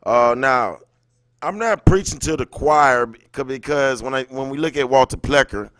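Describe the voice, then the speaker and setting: Greeting his viewers over background music, a male livestream host rambles casually and keeps circling back to the same phrases. His medium-pitched voice has a fairly bright tone and moves at normal speed in a dry recording.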